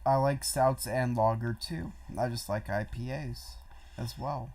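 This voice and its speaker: A man's voice: mid-range voice, fairly even intonation, a little slow, darkish tone. Sarcastic young man grumbling over a game. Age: young adult. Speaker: co-host of a gaming video. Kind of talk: casual gaming commentary.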